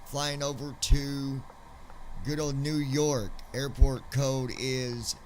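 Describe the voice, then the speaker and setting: A man's voice: medium pitch, little pitch movement, takes it slowly, a little mellow, slight background noise. Laid-back joking man streaming a flight sim. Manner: laid-back, joking, talks to viewers as fellas and folks. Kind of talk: casual streaming chat.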